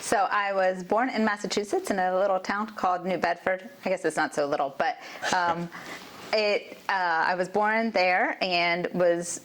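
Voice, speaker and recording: A woman's voice: on the low side, steady tone, a little slow, a bit bright, a little hiss or hum. A woman judge from Maryland, talking casually about her childhood and school years, laughing easily. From Maryland, USA. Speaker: judge, interview guest. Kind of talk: casual interview conversation.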